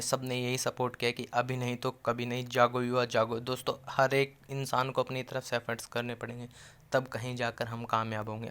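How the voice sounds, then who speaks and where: A man speaks straight to his viewers in a casual rallying appeal. His voice is smooth and clear, and his pitch barely moves, so even his urgent pleas sound level. He presses the same points again and again and often breaks off mid-phrase to start over. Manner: rallying and insistent, keeps calling viewers friends; restarts and trails off mid-phrase. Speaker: YouTube channel host addressing job aspirants.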